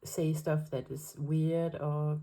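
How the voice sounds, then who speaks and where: Speaking slowly and flatly in a low, mellow voice, a Danish planner vlogger chats casually as she sets up her weekly planner. English is her second language and she has a Danish accent; she is hesitant and careful, leaning on many fillers.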